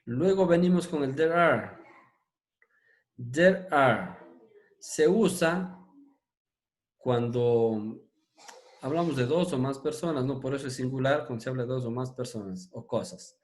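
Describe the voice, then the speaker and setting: Slow, patient male English teacher. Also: mid-range voice, expressive. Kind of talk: explaining grammar to a class.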